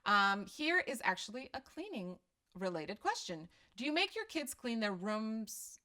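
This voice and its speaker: A middle-aged Croatian woman with a slight accent chats casually on a live stream about parenting, fielding viewer questions in a candid, self-deprecating way. Her mid-range voice is sing-song and unhurried, with a sharp tone.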